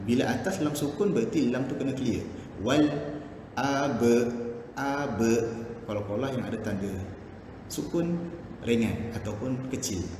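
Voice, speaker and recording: A man with a Malaysian Malay accent teaching Quran recitation, patiently explaining tajwid rules and chanting verses slowly to demonstrate. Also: mid-range voice, a little mellow. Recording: echoey room with background noise.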